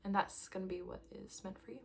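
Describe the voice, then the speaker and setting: Woman, tarot reader, gentle reflective talk, soft near-whispers, light laughs. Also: mid-range voice, fairly even intonation, quick pace, gravelly. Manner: laughs lightly between thoughts. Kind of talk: casual tarot reading to camera.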